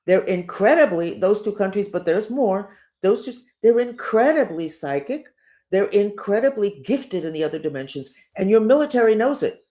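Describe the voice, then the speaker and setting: With a mid-range voice at a moderate pace, an older woman working as a spiritual teacher talks through a personal monologue. Her manner is emphatic and digressive, and her intonation rises and falls lively.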